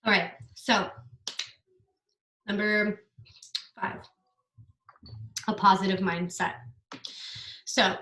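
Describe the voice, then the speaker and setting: A young woman giving a casual online business masterclass, earnest and energetic, now and then swearing. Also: mid-range voice, reverberant, low-quality recording.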